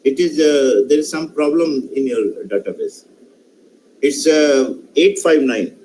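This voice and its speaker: A man's voice: mid-range voice, a little slow, warm tone, slight background noise, low-quality recording. A male professor with an Indian English accent, giving an online lecture and putting questions to participants, speaking emphatically and often repeating and restarting phrases. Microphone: online session microphone.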